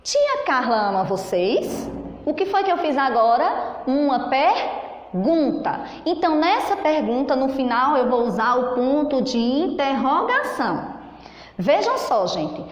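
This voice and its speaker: A Brazilian woman teaching a children's lesson on punctuation, speaking slowly and in a singsong way for young pupils. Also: high-pitched, very animated. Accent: Brazilian Portuguese. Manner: slow and singsong, stretching words for young pupils. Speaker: primary school teacher. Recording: echoey room with long reverb.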